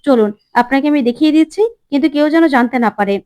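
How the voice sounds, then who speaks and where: A woman's voice: high voice, racing, mellow, close to an everyday voice. A woman voicing a nervous male security guard who fears losing his job in a retold serial. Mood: nervous cautious.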